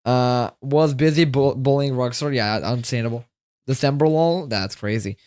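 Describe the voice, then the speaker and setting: Tired male livestreamer, rambles and repeats lines to chat; smooth voice, dry close sound. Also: mid-range voice, moderate pace, darkish tone, dry recording.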